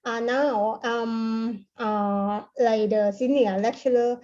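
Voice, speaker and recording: A woman with a Thai accent and Thai as her first language gives a conference presentation, speaking haltingly and repeating words. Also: a little high, steady tone, warm tone. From Thailand. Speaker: keynote speaker, university lecturer. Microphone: online conference call. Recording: dull, lo-fi online call audio.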